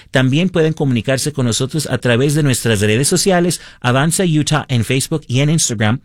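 A man's voice: medium pitch, dry recording, studio quality. Earnest man hosting a radio talk segment. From United States. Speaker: radio program director and host. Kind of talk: reflective radio commentary.

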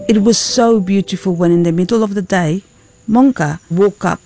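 A woman reading a first-person translation as a voice-over, in a gentle storytelling manner. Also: medium pitch, moderate pace, faint music behind. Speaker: voice-over interpreter.

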